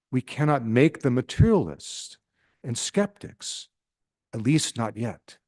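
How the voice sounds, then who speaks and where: A man's voice: mid-range voice, mellow, dry recording, clean studio sound. A man with a Nebraskan accent reading aloud as a scheming senior male demon advising an apprentice, in his own plain voice.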